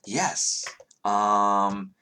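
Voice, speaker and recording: A man's voice: on the low side, drawn-out words, sharp tone, slight background noise. A man narrating as game master of a tabletop game, talking hesitantly with many fillers.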